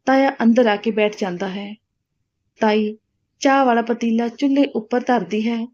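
A woman storyteller reading a story aloud, in a plain, steady way. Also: on the high side, moderate pace. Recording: dull lo-fi recording.

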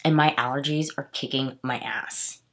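With background noise in her small home room, this Houston woman in her thirties speaks in an extremely low, steady voice with vocal fry and a slightly nasal, stuffy quality. At a moderate pace, she rambles chattily through a makeup tutorial as a beauty vlogger, correcting herself along the way.

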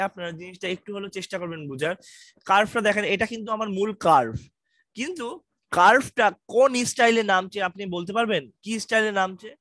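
A man's voice: high voice, fairly bright tone, dry recording. A man with a Bangladeshi Bengali accent teaching a university math lecture online, reassuring and quizzing his students. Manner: reassuring, asks students questions, mixes English terms. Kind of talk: online lecture, casual explaining.

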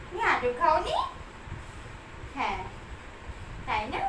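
A woman's voice: high voice, very animated, slow pace. A woman vlogging as she talks to her pet dog in doting, cooing baby talk. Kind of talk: casual baby-talk vlog. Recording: echoey room, far from mic, noisy.

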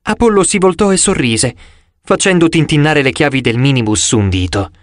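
A man reading an audiobook aloud with expressive, animated storytelling. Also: a little high, normal speed, no echo, studio quality. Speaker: audiobook reader. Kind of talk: scripted audiobook narration.

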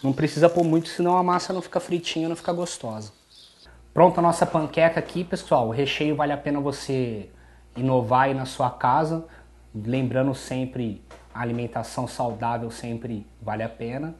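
A medium-pitched voice with a breathy edge and a brisk delivery belongs to a cooking show host in his thirties from the São Paulo interior. He talks viewers through a recipe in easygoing Brazilian Portuguese, chatting with them throughout, in a home kitchen and an outdoor street market.

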